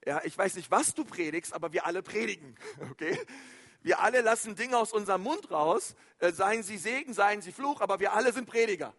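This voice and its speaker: A man preaching a sermon as pastor, fervent, with repeated phrases, swinging from loud to hushed. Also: high-pitched, lively intonation, brisk.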